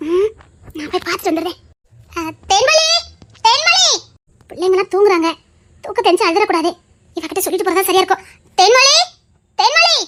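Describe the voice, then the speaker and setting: A fretful young wife, very high voice. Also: female voice, slight background noise. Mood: worried. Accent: Tirunelveli Tamil. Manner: worried, muttering to herself, calling out a name repeatedly. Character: anxious young woman in a family household. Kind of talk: audio drama acting.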